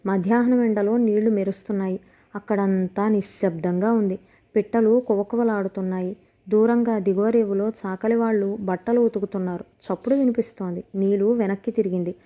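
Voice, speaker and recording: A woman's voice: mid-range voice, steady tone, brisk, warm tone. A woman narrating a novel aloud, reading steadily and expressively. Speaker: audiobook narrator. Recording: dull lo-fi recording.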